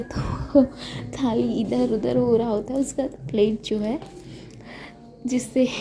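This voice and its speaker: Chatty woman storyteller, fairly high voice. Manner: chatty, frequent self-corrections. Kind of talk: casual story narration.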